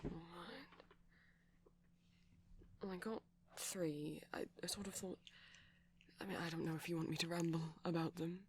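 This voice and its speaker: A noisy background sits under this soft-spoken ASMR boyfriend roleplay, where a man portrays a bashful, gentle vampire. His voice is on the high side with fairly even intonation, breathy and halting, often dropping into a whisper as he rambles.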